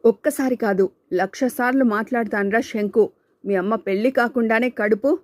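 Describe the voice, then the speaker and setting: A woman's voice: on the high side, moderate pace, no echo, natural voice. A woman voicing an arrogant young male student bully who taunts and sneers, in an audiobook. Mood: sneering. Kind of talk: audiobook character voice.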